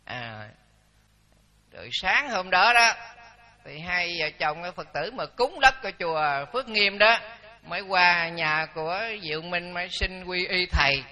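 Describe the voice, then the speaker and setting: Bright-voiced older monk telling stories. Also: male voice, a little high, unhurried. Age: 70s. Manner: lively anecdotes with quoted dialogue. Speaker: Buddhist monk teacher. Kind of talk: storytelling dharma talk. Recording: dull lo-fi recording.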